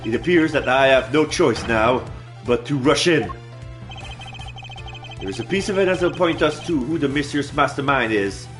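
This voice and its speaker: A man's voice: mid-range voice, animated, normal speed, a bit bright, soft background music. A man playing a video game, reading its dialogue aloud and commenting as he goes.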